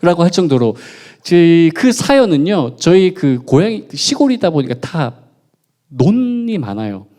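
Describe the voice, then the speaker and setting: Speaking at a measured pace in a sing-song lilt, the pastor has a voice on the high side with a dark tone. He's from Gunwi, North Gyeongsang, South Korea, and his midweek church sermon is chatty and playful, full of jokes and questions aimed at the congregation.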